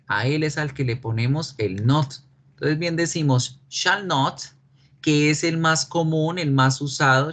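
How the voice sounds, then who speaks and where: A man whose first language is Spanish teaches an online English class, speaking slowly at a middle pitch. He explains step by step and keeps checking that students understand. Keyboard clicks and typing sound behind him. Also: a bit bright. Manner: slow, patient explaining with frequent check questions.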